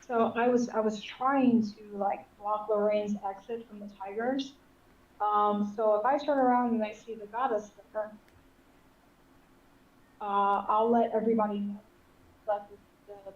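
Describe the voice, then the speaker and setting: A woman's voice: mid-range voice, steady tone, moderate pace, echoey room, highs cut off. A woman playing a tabletop horror game, talking hesitantly and repeating her words. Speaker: player. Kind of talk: tabletop role-play.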